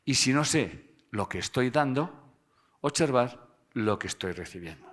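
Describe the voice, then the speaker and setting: A man gives a live talk to an audience, animated and joking, often tagging his sentences with a questioning "eh?". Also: medium pitch, measured pace. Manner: animated, tags phrases with "¿eh?" and jokes with the audience. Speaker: speaker giving a seminar.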